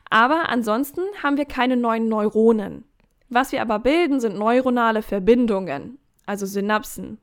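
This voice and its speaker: A woman in a casual podcast chat, giving coaching advice in an animated way, acting out inner voices and adding jokey asides. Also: on the high side, normal speed. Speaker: podcast guest.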